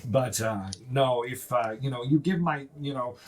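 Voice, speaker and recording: A game master voicing a gruff, overworked dwarf man who rambles through his complaints. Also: mid-range voice, moderate pace, pitched below the performer's own voice, lightly acted. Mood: weary.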